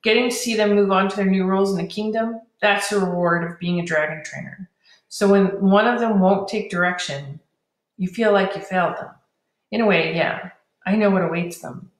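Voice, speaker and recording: A woman's voice: medium pitch, moderate pace, natural voice. A woman reading as an earnest young dragon trainer. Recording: roomy echo.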